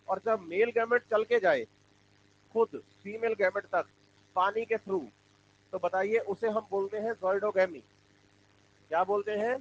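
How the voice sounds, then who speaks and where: A high-voiced man lectures a biology class, firing questions at the students and repeating the answers back to them. The recording sounds a little dull, with a faint hum underneath. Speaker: biology teacher. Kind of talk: classroom lecture with call-and-response.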